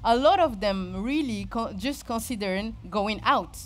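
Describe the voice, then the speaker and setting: A woman's voice: mid-range voice, expressive. Woman, Moroccan accent, informal presenter; hesitant delivery that keeps circling back to find the right word. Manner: halting, searching for words, frequent repetition. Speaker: speaker giving a talk.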